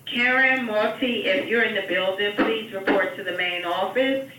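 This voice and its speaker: A woman making an announcement over a school intercom loudspeaker, calling someone to the office in a measured, repeating way. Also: mid-range voice. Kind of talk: public address announcement. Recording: echoey intercom speaker heard from far off.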